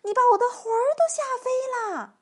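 A woman's voice: on the high side, expressive, moderate pace, background noise, natural voice. A woman reading a storybook voices a small frail old woman who shrieks her exclamations and scolds. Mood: shrieking.

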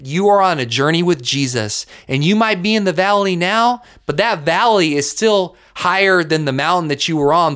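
Earnest young man on a faith podcast. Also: clean tone. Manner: earnest and casual, many "like" fillers, lively swings in pitch. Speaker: podcast host. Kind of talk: faith encouragement podcast talk.

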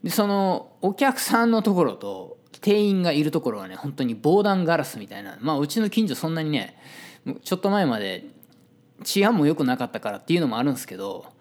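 A man's voice: a little high, sing-song, brisk. A man with a Kansai Japanese accent telling a story in a casual, chatty monologue and acting out the voices of people he quotes.

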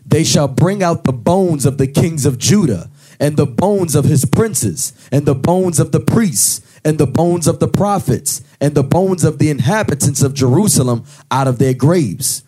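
A man reading Bible verses aloud in a steady, formal way. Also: on the high side, moderate pace, husky. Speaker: scripture reader.

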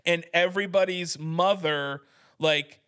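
A man's voice: a little high, fairly even intonation, unhurried, sharp tone, clear, resonant tone. A young adult American man hosting a podcast, ranting irreverently and profanely in casual chat. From United States. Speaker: podcast host.

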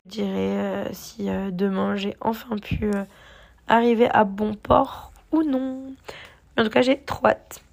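A woman's voice: mid-range voice, fairly even intonation, measured pace, vocal fry, darkish tone. A young woman vlogging her travel day in a casual, rambling way, full of fillers and restarts, with a slight cough from being a bit sick. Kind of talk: casual travel diary vlog.

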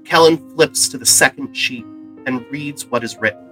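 A man's voice: mid-range voice, moderate pace, sharp tone. A man delivering scripted dramatic narration for an audio drama, with music behind him. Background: background music.

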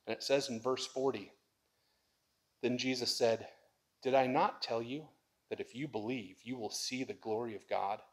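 A man pastor preaching a sermon in a conversational way, rising to loud, impassioned lines when reading scripture and pleading. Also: medium pitch, steady tone, moderate pace, long pauses.

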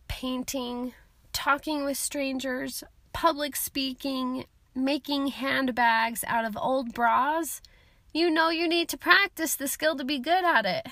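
Brief: young female podcast host, bright high voice, encouraging and chatty, a bit stuffy from a cold, close dry recording. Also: dry recording. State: has a summer cold. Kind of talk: solo self-help podcast talk.

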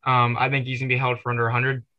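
A man's voice: medium pitch, completely flat delivery, racing, highs cut off. A man co-hosting a casual sports podcast who rambles through his takes with lots of fillers. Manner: rambling, full of "you know" fillers. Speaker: podcast co-host.

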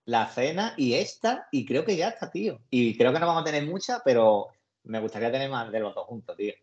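A man's voice: mid-range voice, animated, brisk, a little mellow. A man with a Spain Spanish accent chatting casually as a podcast co-host, rambling through scenes in colloquial slang. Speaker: podcast co-host discussing a series. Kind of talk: casual chat. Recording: muffled lo-fi recording.

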